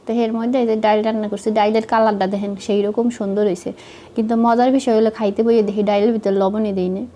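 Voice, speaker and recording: Fast-talking Madaripur-dialect woman, a bit hoarse. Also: mid-range voice, flat delivery, mellow. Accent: Madaripur Bengali dialect. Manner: chatty, self-mocking, talks to viewers while cooking. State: slightly hoarse from a cold. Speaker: vlogger. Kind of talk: casual cooking vlog narration.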